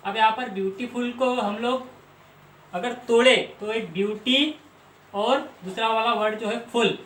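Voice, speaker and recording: A man's voice: very high voice, a little slow, a bit bright. A man from Maharashtra teaching English grammar, patiently explaining and repeating word lists. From Maharashtra, India. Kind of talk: explanatory lesson. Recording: roomy with faint background noise.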